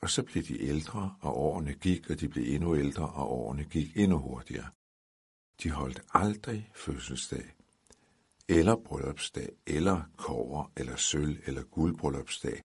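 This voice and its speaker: A man reading a Christmas story aloud in a calm, dry storytelling manner. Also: rumbling low, breathy edge.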